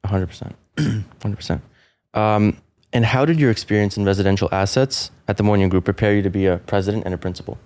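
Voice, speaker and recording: Guy hosting a business podcast, talks fast, lowish voice, lots of quick "amazing"s. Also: fairly even intonation, darkish tone. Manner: quick, reads intro then affirms with short interjections. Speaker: podcast host. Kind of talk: podcast interview.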